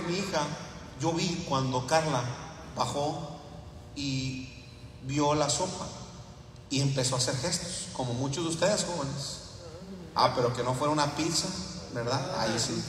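A man's voice: a little high, background noise. A man preaching a sermon as pastor, mixing folksy stories with fervent appeals. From Latin America. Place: church sanctuary. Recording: echoey church hall, mic far off.

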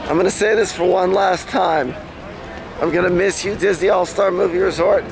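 A man's voice: high-pitched, fairly even intonation, normal speed, gravelly, a crowd in the background. Chatty self-mocking man with a camcorder. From Florida. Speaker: vlog host. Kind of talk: casual vlog narration. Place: outdoors at a theme park and hotel. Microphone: handheld camcorder. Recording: noisy outdoor camcorder audio.

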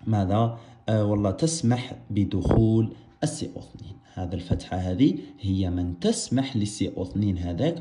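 A man's voice: fairly low pitch, dark tone, echoey room. A man with an Algerian Arabic accent teaching a biology lesson, asking his students questions and answering them himself while repeating the key terms. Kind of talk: explaining a science lesson.

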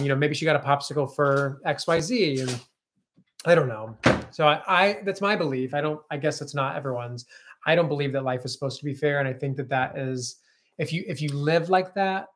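A man's voice: medium pitch, brisk. A man in his thirties co-hosting a casual livestream from his home kitchen, chatting and reading viewer comments aloud on a webcam. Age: 30s. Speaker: co-host.

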